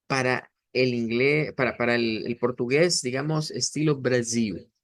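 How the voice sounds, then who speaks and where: A man's voice: mid-range voice, no echo. Dry-sounding patient male teacher. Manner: patient, explains step by step with many fillers and restarts. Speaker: language teacher. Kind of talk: online language lesson.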